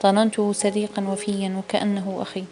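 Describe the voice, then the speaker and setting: A woman voicing a defensive, frightened young wife in a read-aloud story, speaking in sharp, tearful bursts. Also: mid-range voice, completely flat delivery, a little fast, soft background music, close to an everyday voice. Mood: upset.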